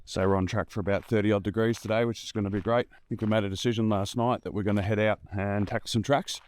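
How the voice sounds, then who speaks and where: A man, just woken up and with a low morning voice, talks in a laid-back, rambling way while walking outdoors in the bush. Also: fairly even intonation, fast, a little mellow. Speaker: 4WD camping vlogger. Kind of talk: casual walk-and-talk vlog.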